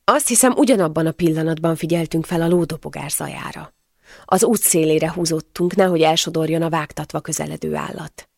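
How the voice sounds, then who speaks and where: A woman's voice: low voice, creaky, a little mellow, no echo, studio quality. A woman narrating a first-person novel as an audiobook, with emotional storytelling.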